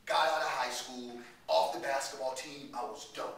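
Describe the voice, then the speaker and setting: Guy telling stories to teens, slangy n animated, bright voice, mic kinda far off. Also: mid-range voice, normal speed, gravelly, slight background noise. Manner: animated, slangy storytelling with laughs. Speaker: workshop speaker for youth. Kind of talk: storytelling talk to young people. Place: workshop room. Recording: echoey room, distant mic.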